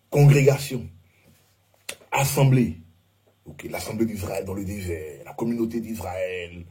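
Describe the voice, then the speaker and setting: A man teaches a relaxed Bible and Hebrew lesson, pointing his listeners to slides as he goes. His voice is deep, dark and mellow, and very husky. He pauses on fillers and keeps asking whether they follow. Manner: keeps checking in with "ok?" and "vous voyez?", often hesitates with "euh". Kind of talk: informal teaching talk with slides.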